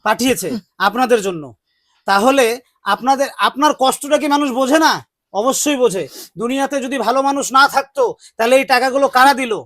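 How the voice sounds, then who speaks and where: A man from West Bengal hosting a charity vlog, calming someone with repeated gentle urging. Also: very high voice, quick pace, no echo. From West Bengal, India. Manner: soothing, repetitive coaxing. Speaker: charity vlogger. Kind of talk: casual vlog talk.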